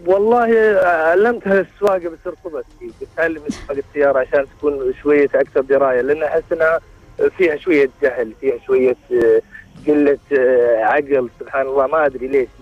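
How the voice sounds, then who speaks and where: A man's voice: on the high side, fast, no room sound, highs cut off. A man calling in for marriage advice. He rambles and keeps restarting as he searches for words. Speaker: caller seeking marriage advice. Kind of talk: call-in radio conversation.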